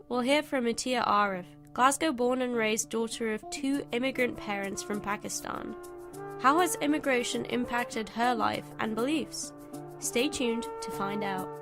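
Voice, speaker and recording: A woman hosting an interview, giving introductions and putting questions to a guest. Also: a little high. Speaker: interviewer and host.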